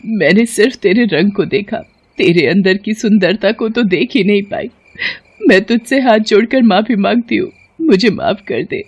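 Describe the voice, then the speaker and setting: A woman's voice: low voice, expressive, darkish tone. Woman doing a harsh older mother-in-law. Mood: pleading. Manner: drawn-out, scornful scolding. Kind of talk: animated storybook voice acting.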